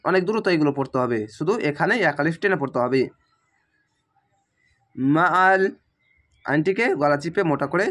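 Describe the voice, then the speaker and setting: A man teaching Quran reading, chanting each Arabic word slowly and stretched out, then explaining the rules quickly in plain speech. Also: on the high side, a bit bright. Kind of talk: slow spelled-out recitation lesson.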